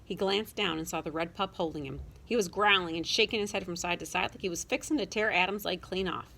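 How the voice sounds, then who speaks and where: A woman narrating a children's storybook with a lively, expressive reading. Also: fairly low pitch, a little fast. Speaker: audiobook narrator.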